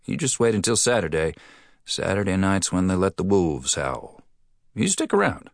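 A man's voice: low voice, sing-song, normal speed, dry recording, studio quality. A male audiobook reader voicing a chatty, cheerful frontier restaurant keeper with a lifted voice.

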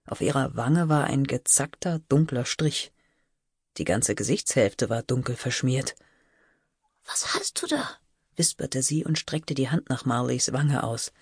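A woman narrating an audiobook in slow, measured storytelling, close to a studio mic. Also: very deep voice, a little mellow, breathy edge, no room sound.

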